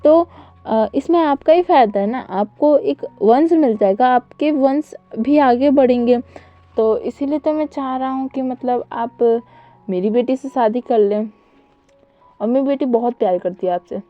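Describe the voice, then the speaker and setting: A scheming older man who argues his case persuasively and wheedles, as a woman narrator puts him on. The delivery sits fairly high and sounds muffled and dry. Faint music runs behind it. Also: a little slow, no room sound.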